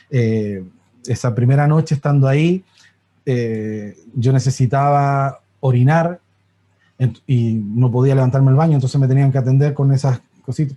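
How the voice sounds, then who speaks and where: A man's voice: medium pitch, mellow. A middle-aged man telling a sermon testimony, with many restarts and acted-out voices. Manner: storytelling with many restarts, acts out quoted voices. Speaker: preacher giving a testimony.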